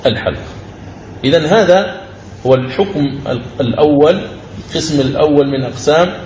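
A man teaching the rules of Quran recitation in a recorded lecture. He explains each rule step by step, repeats key phrases, and slows into a chanted recitation for each example verse. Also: medium pitch, a little mellow, muffled recording. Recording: roomy recording with faint ambient noise.

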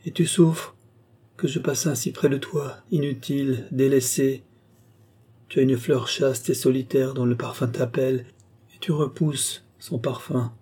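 Un homme lisant un roman prête sa voix à une jeune femme passionnée et mélancolique, au ton bas et implorant. La voix est feutrée, un peu rauque, avec une diction soignée de livre audio. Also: male voice, medium pitch, fairly even intonation, measured pace, mellow, breathy edge. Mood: pleading. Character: young woman, tender, entranced and sorrowful.

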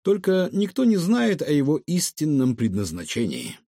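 A man doing a calm secretive old inventor. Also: fairly high pitch, no echo, clean studio sound, full character voice. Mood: resigned. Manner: measured, explanatory.

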